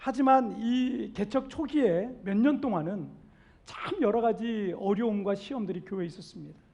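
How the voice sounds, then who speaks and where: A man from South Korea delivers a Sunday sermon in a church, his voice pitched unusually high for a man. He is emphatic, rising in volume on questions and pleas before sinking into a quiet, intimate tone. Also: normal speed, vocal fry. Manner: emphatic, swells louder on questions and pleas, then drops soft; acts out what doubters say. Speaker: senior pastor.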